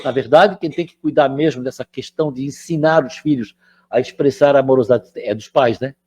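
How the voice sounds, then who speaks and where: A man's voice: medium pitch, fairly quick, mellow, husky. An older man, giving a conversational spiritual lecture and often checking in with his listeners. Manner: chatty, keeps checking in with the audience.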